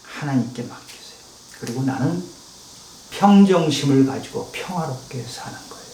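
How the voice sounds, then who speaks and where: Animated pastor preaching in an echoey hall. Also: male voice, mid-range voice, moderate pace, slight background noise. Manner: animated, acts out heated prayers to God; asks the congregation questions. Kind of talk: sermon. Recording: echoey room, voice from a distance.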